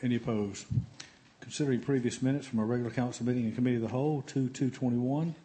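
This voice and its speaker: A man chairing a city council meeting as mayor, running through the procedure in a brisk, matter-of-fact way. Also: medium pitch, steady tone, warm tone.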